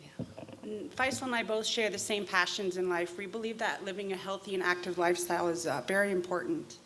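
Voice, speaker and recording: A woman gives a business pitch from a stage in front of a screen. She talks steadily and fills pauses with frequent "um"s, and a faint noise sits under her voice. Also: fairly bright tone. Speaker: pitch presenter.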